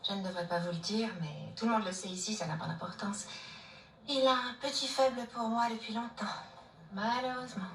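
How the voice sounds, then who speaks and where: A composed woman with a high, clear voice speaks wryly about a man who loves her, played by an actress. Her delivery stays measured. She sounds far from the mic in an echoey space. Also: fairly even intonation, slight background noise, close to an everyday voice. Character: poised woman named Marlène, rejecting a suitor.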